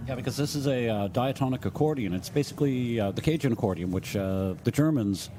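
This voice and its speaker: A man's voice: mid-range voice, lively intonation, brisk, dark tone, a little hiss or hum. A man from Wales, a guest accordion player, explaining things hesitantly with many fillers. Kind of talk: casual chat.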